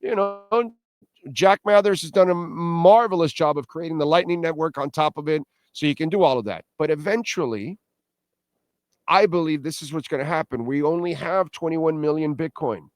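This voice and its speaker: A man's voice: a little high, normal speed, no room sound, studio quality. A man hosting a crypto show in a casual, opinionated monologue, speaking emphatically with rhetorical questions, repetition and blunt, self-deprecating slang.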